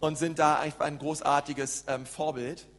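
A man hosting and interpreting a church sermon live, animated, with frequent fillers and restarts. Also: fairly high pitch, normal speed. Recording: echoey church hall with hum.

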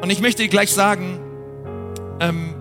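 Pastor guy preaching, earnest, lots of ähms, kinda high voice, echoey church hall. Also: steady tone, measured pace. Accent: German. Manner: earnest, direct address to listeners, frequent fillers. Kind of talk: sermon. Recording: church hall with long reverb and soft music.

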